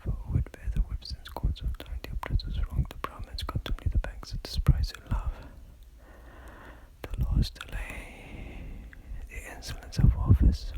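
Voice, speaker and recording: An unvoiced, fast and aggressive ASMR whisper reciting an old dramatic soliloquy without pause, close on a lo-fi microphone. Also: mellow.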